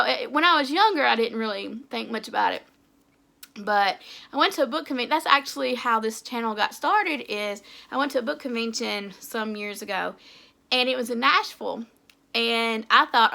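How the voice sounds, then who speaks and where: Fairly quick and a little high, her gravelly voice comes across pushed and bright. She's a young author and book YouTuber from Tennessee with an Appalachian English accent, casually vlogging about her goals and frequently laughing at herself.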